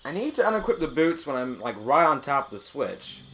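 A woman's voice: low voice, sing-song, a little fast, fairly bright tone, a little hiss or hum. A woman playing a video game, thinking aloud and muttering to herself, with sudden exasperated outbursts. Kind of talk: let's-play commentary. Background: game music.

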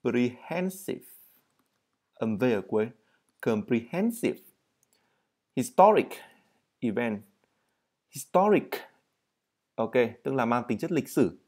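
A man teaching an English vocabulary and pronunciation lesson. He says English words slowly and clearly, then explains them quickly. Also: medium pitch, lively intonation, darkish tone.

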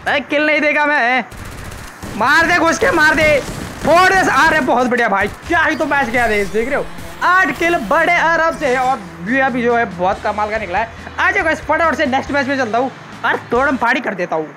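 A man doing live gameplay commentary, excitable and joking with casually crude banter. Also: very high voice, brisk, music in the background. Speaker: gaming YouTuber.

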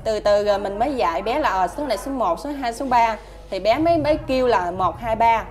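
A woman's voice: fairly high pitch, expressive, a little fast, darkish tone. A woman with a Southern Vietnamese accent answering interview questions about her child, hesitant and polite, with many fillers.

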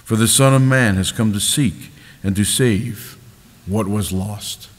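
A man's voice: on the low side, measured pace, slight background noise. Man solemnly proclaiming scripture in church. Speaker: gospel reader at Mass. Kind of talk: formal liturgical reading. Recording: long church reverb.

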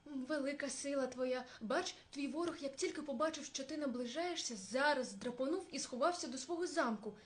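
A woman's voice: high-pitched, fairly quick, few pauses, lightly acted. A woman voicing a small, clever hare who speaks as politely as he can. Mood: coaxing. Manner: polite, pleading.

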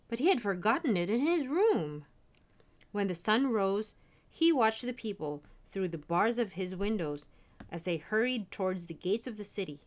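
Expressive woman reading a fairy tale. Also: mid-range voice. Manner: expressive, animated storytelling. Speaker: storyteller.

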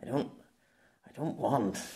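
A man's voice: lowish voice, moderate pace, vocal fry. A man doing a shaken man muttering after a nightmare. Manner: muttering to himself, hushed. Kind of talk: audiobook character voice.

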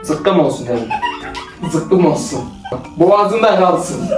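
A man's voice: a little high, animated, slow. A young man leads a playful role-play skit with his sister, bossy and teasing, laughing easily. His voice swings widely up and down. He sounds a little far from the mic in an echoey room, with faint music under him. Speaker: older brother directing a skit. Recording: roomy, from a distance, faint music.

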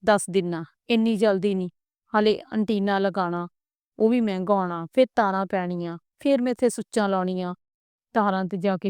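A woman's voice: medium pitch, darkish tone, smooth, no echo, close to an everyday voice. Woman doing a stingy short-tempered son.

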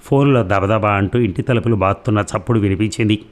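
A man reads a novel aloud in a calm, even manner. His voice is on the low side, and he keeps the story moving at a steady pace. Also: quick pace. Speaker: audiobook narrator. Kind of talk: novel narration.

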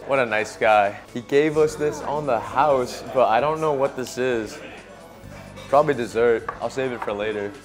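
He speaks in a mid-range voice at a moderate pace with music playing under him. A casual, joking food vlogger in his twenties, he's miked with a little clip-on on his shirt, outside on a city street and later in a busy small restaurant.

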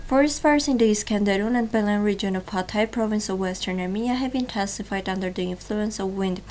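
A young woman presenting a read news bulletin in a television studio, in a steady, formal newsreading manner. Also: mid-range voice, slight background noise.

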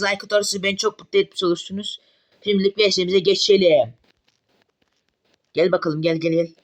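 A man giving live gameplay commentary as a mobile game streamer, excitable and swearing often when frustrated. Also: sits high.

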